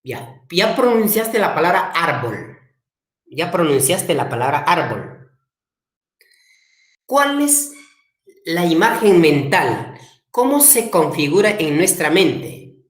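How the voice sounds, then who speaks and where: A man teaching an online language class, repeating his questions slowly and coaxing students to answer in the chat. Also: on the high side, sing-song. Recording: echoey room.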